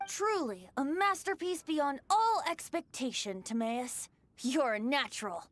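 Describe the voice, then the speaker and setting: A woman's voice: high voice, expressive, a little slow, a little hiss or hum. A woman voicing a playful, cheeky teenage boy bard with a theatrical, teasing delivery in an anime-style game. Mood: satisfied. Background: faint game music.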